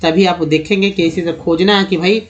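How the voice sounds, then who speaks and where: A man's voice: high-pitched, steady tone, a little fast, muffled recording. A man teaching English reading and vowel sounds, addressing viewers as friends and asking and answering his own questions. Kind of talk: explanatory lesson.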